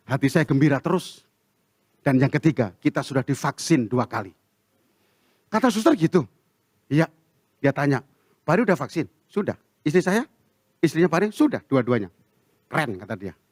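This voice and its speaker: A man preaching a sermon as a pastor, telling a story with animated acted-out dialogue and an Indonesian accent. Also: on the high side, no room sound, clean studio sound. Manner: animated, acts out dialogue with shifting voices. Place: church.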